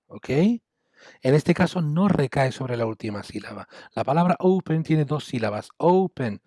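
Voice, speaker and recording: Brisk male teacher, raised pitch, dry sound, drills students patiently. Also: animated, mellow, no echo. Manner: brisk, corrects and explains patiently. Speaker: English teacher. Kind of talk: online class, drilling students.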